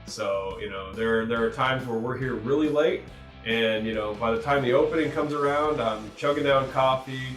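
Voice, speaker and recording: A man who runs an art gallery, telling stories in a relaxed, rambling way with lots of fillers. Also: mid-range voice, moderate pace. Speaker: gallery owner. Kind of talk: documentary interview, casual storytelling. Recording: echoey room, mic at a distance, soft music behind.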